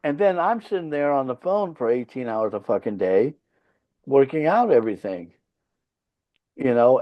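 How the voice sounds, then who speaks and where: Recorded with dull audio, the man speaks on the high side. A rock frontman from Finland whose native tongue is Swedish, he's chatting as a podcast guest, cursing bluntly and telling stories with heavy emphasis to hammer his points home in a casual interview.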